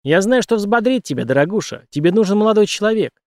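A man voicing a brash, teasing woman roommate who talks quickly and bluntly. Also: sits high, lively intonation, no echo, clean studio sound, pitched above the performer's own voice.

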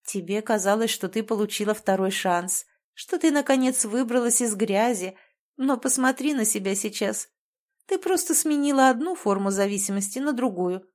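A woman voicing a cold, manipulative older sister who speaks calmly and condescendingly. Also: on the high side, close to an everyday voice. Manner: calm, icy, condescending.

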